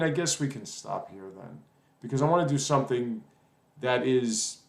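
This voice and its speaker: A man talks through a web coding lesson in a loose, rambling way, pausing to think aloud and filling gaps as he goes. His voice sits at an ordinary middle pitch. The recording has a noticeable roomy echo. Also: creaky. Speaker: web development tutor. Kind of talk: casual screen-recorded coding tutorial.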